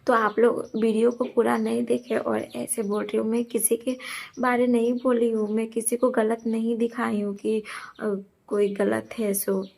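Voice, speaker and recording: A woman's voice: on the high side, flat delivery, normal speed, gravelly, darkish tone. A young woman vlogger, talking earnestly and defensively to her viewers and repeating her points. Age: young adult. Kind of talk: casual talk to camera.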